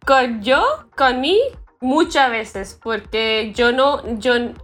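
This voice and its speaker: A woman guest speaking Spanish as a learned language, halting and searching for words. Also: fairly high pitch, fairly bright tone. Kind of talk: casual chat.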